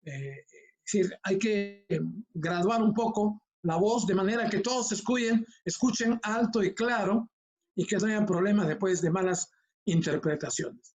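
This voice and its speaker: Older man, high voice, unhurried lecture, tag questions, laptop mic a little away. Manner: calm, conversational teaching with frequent "¿no?" tags. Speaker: homiletics professor. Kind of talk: online class lecture. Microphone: laptop mic from a short distance.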